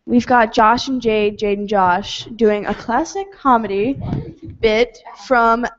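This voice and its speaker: A woman's voice: fairly high pitch, slow pace. A young woman casually hosting a student telethon, self-deprecating and light, on a dull lo-fi recording. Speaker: telethon host. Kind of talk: casual live presenting.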